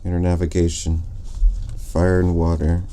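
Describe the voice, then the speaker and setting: Slow, deep-voiced man reading tarot. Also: completely flat delivery, dark tone, a little hiss or hum. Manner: musing, drifting, pauses mid-thought. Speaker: tarot reader.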